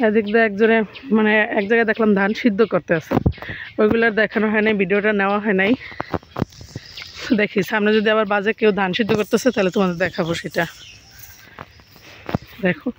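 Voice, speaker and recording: A woman from Bangladesh vlogging as she walks along a village road, speaking quietly and a little muffled by a face mask. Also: mid-range voice, little pitch movement, fast, pauses often, noisy background. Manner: soft-spoken, talks quietly in public. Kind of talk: casual walking vlog.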